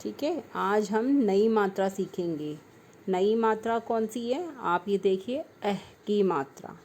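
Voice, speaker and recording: A woman's voice: medium pitch, slow, darkish tone, slight background noise. A woman teaching young children in an online class, patiently sounding out letters one syllable at a time and calling them by affectionate names. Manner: affectionate, calls the children "beta". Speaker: primary school Hindi teacher.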